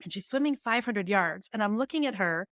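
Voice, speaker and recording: Her mid-range voice runs a little fast over a clean studio recording without any room sound. The woman, in her forties, is a business coach and author who tells casual stories in a podcast interview, animatedly voicing her inner thoughts and laughing.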